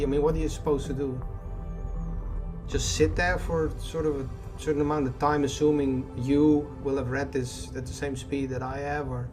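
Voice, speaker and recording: A gaming YouTuber with a medium-pitched voice gives casual let's play commentary, rambling and hesitant with a self-deprecating streak, often stopping mid-thought to correct himself. His desktop mic sits over the game audio, and game music plays behind his voice.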